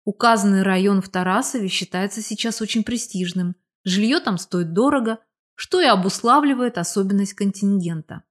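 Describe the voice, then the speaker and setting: A woman's voice: medium pitch, normal speed. Young woman narrating an audiobook. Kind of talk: first-person audiobook narration.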